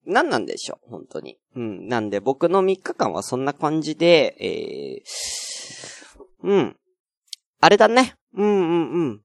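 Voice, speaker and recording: Solo net-radio host, man, going hoarse, grumbly, very animated pitch. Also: a little slow, dry recording, clean studio sound. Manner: grumbling, venting frustration. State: voice getting hoarse. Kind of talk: unedited solo internet radio chat.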